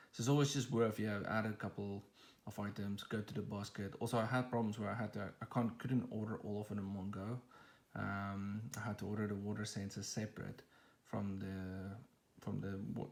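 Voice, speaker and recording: A man with a low, gravelly voice talks viewers through an unboxing in a loose, rambling way. His delivery stays flat and even, and it is full of "um"s and restarts. He sounds like he is recording on a phone held in one hand at home. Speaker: tech channel host. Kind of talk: casual unboxing walkthrough.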